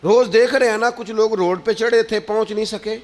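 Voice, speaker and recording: A man delivers a sermon in a high-pitched voice. His delivery rises and falls with emphatic preaching cadence. The recording carries a long hall reverb. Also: steady tone, a little fast.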